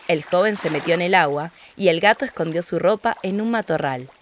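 A woman narrating a children's fairy tale in a steady, clear telling. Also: lowish voice, a little fast, slight background noise. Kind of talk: storybook narration.

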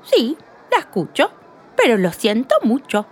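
A woman voicing a stubborn, hurried shopper in a read-aloud play, pushing her words out with emphasis. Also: fairly high pitch, huge pitch swings, slightly rough, soft background music, exaggerated voice. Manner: stubborn, rises to emphatic outbursts.

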